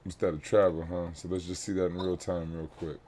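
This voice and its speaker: A man's voice: sits low, little pitch movement, brisk, background noise. A man coaching a youth basketball team, breaking down game film for his players in a blunt, instructive way and repeating key points.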